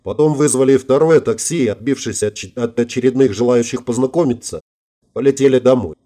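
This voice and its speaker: A man reading an audiobook in an even, measured narration. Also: medium pitch. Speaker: audiobook reader.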